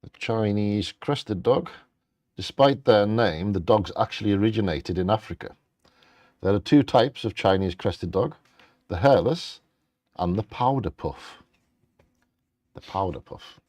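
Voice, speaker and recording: A man with a fairly low voice hosts bingo, reading out facts in an informal way. The sound is dry and close. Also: unhurried, long pauses, darkish tone, no room sound. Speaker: co-host of a live bingo game. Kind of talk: bingo host reading out facts, with casual asides.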